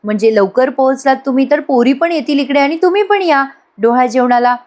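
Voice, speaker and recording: Lady voicing a sweet young wife in a tv soap, warm coaxing tone, a bit higher. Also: a little fast, close to an everyday voice. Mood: gentle. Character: kind young pregnant wife, gentle hostess.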